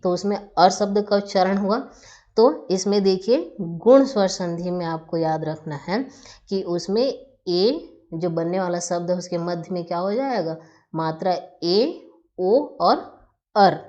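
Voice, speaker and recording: A woman teaching a grammar lesson, who explains each step slowly, asking questions and then answering them herself. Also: medium pitch, darkish tone. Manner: patient, asks and answers her own questions. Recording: dull lo-fi recording.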